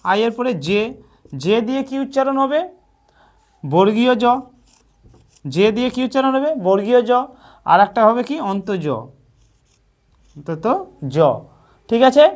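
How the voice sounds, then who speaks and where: A woman teaches a beginners' lesson in a patient, repetitive way. She asks a question, pauses, then answers it herself. She keeps checking in with the same short "all right" phrase. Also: a little high, expressive, darkish tone. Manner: repeats "ঠিক আছে" often. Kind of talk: scripted narration.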